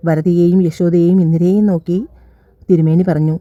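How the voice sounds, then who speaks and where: A woman's voice: fairly low pitch, level tone, moderate pace, dry recording. A woman narrating a scripted audio love story, voicing every character's lines in her own voice. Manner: reads all characters' dialogue in her own voice, slightly raised. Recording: dull dry lo-fi recording.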